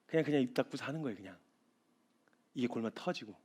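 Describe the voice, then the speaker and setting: A man in his thirties preaching a sermon as a missionary, animated, acting out little scenes and then dropping to a quiet, intense tone. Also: mid-range voice, fast, breathy edge. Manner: animated, acts out voices and crying, drops to quiet intensity.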